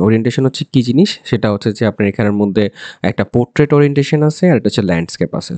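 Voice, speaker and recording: A man rattles through a software tutorial at a very fast clip. His voice is low and mellow, and it is recorded dry, with no room sound. He explains in repeated loops and keeps checking that his listeners follow. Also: no echo. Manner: rapid, repetitive explaining with frequent fillers and checks.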